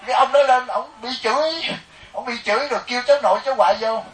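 A middle-aged Southern Vietnamese monk preaching with a lively, jokey storyteller's manner, his voice sitting high for a man. He is heard from a distance, and the sound rings around a roomy, echoing hall. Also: fast, a little hiss or hum. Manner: animated, jokey, acts out quoted people. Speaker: Buddhist monk giving a dharma talk. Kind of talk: storytelling sermon to a live audience. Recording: echoey hall, mic at a distance.

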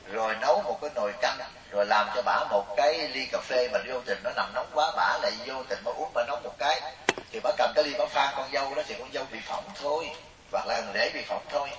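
Here a middle-aged man talks quickly at a medium pitch, his voice a bit bright, with slight background noise present. He tells stories and chats through a funny Buddhist sermon, repeatedly asking his listeners questions, all captured on a distant mic in a roomy setting.

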